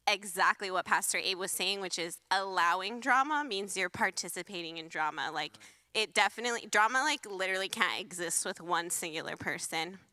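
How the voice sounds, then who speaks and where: Young woman, church group leader, bright joking panel talk, dry close sound. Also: lowish voice, no echo. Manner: animated, joking, laughs often. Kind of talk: casual panel chat.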